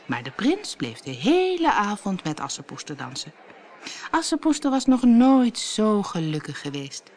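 A woman narrating a fairy tale as a storybook read-aloud, expressive and lively. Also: mid-range voice, normal speed.

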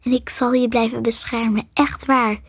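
A woman's voice: on the high side, level tone, moderate pace, no echo, clean studio sound. A woman voicing Crystal, a loyal dragon. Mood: dying, tender. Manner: breathy, fading whispers when dying. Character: brave female dragon, loyal and protective. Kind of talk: storybook reading.

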